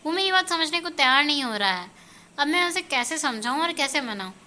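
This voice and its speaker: A woman's voice: sits high, expressive, fairly quick, pushed and bright, a little hiss or hum. A woman reading as a stern scolding young husband. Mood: pleading. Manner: scolding and exasperated.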